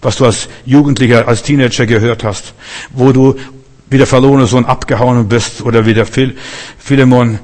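A man preaching a sermon in an earnest, lively way, with sudden loud emphases, soft drops and excited stammers. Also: mid-range voice, normal speed. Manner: stammers and restarts when excited. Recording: long hall reverb.

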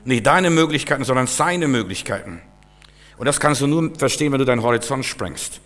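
A man preaching a sermon with fervent, repetitive phrasing that climbs to loud, emphatic peaks. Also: mid-range voice, expressive, a little fast. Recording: long hall reverb.

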